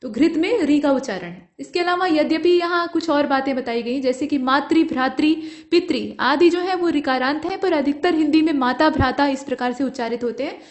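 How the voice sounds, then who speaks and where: A woman's voice: high voice, moderate pace, few pauses. A woman teaching an exam prep lesson, explaining patiently and checking in often with her students. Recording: echoey room.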